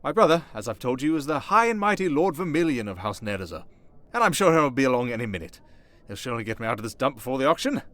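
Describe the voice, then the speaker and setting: Playing a silver-tongued, mocking vampire noble in ASMR, a man chats vainly and idly with his cellmate. He talks quickly in a mid-range, slightly bright voice with big swings in pitch and almost no pauses, sounding chatty.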